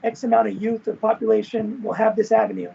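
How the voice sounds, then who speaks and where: Gravelly, husky man on a video call. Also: sits high, little pitch movement, fast, mellow, muffled recording. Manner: expansive, uses "right?" and "you know" as tags. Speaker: guest, former event manager and professor. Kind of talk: casual interview talk.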